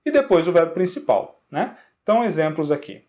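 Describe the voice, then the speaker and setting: A man with a Brazilian accent teaching an English grammar lesson, slowing down to model example sentences and checking in with quick tag questions. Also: fairly high pitch, sing-song, darkish tone. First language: Portuguese.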